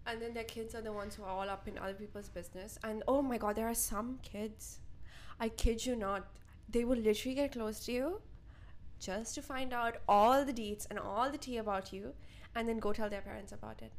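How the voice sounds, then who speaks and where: A young woman co-hosting a casual podcast, animated and talking straight to her listeners. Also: on the high side, a little fast, slight background noise. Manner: animated, addresses listeners directly. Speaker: podcast co-host.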